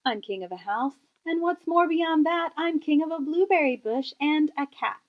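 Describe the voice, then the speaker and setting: Woman voicing Yertle, a high, bombastic turtle king. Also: moderate pace, phone-quality sound, natural voice. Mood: gloating. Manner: boastful, imperious, bellowing. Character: pompous, greedy, domineering turtle king. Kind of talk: children's storybook read-aloud.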